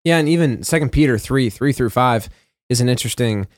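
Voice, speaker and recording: A man co-hosting a casual Bible discussion, reading scripture passages aloud and talking them over in a relaxed way with small fillers and self-corrections. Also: medium pitch, a little fast, no room sound, studio quality.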